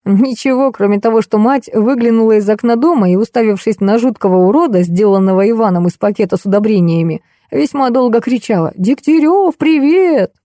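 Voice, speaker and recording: A woman narrating a first-person audiobook in a lively, ironic storytelling way. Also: mid-range voice, brisk, hardly any pauses, dry recording, clean studio sound.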